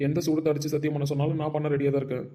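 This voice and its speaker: A young man with a mellow, dark voice acting in a melodramatic drama, firing off angry denials at a very fast pace. His pitch sits a little high for a man. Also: little pitch movement. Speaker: actor in a short web drama. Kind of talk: melodramatic short-film acting.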